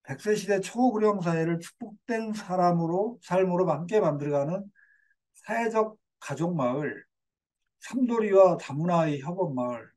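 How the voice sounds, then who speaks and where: A man's voice: high voice, darkish tone. An older man giving a community lecture in a digressive way, with fillers and self-corrections.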